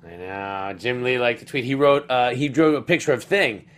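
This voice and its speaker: A man's voice: mid-range voice, animated, moderate pace, clean tone. A man hosting a casual fan chat show, talking enthusiastically. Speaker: talk show host. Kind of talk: casual fan chat about comics and film.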